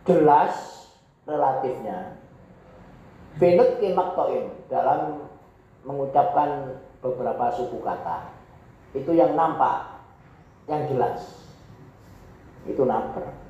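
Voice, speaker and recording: Slow man, echoey classroom. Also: a little high. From Indonesia. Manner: reads Arabic text aloud then explains it, with repeated examples. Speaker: Arabic teacher. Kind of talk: classroom lecture. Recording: echoey, dull classroom recording.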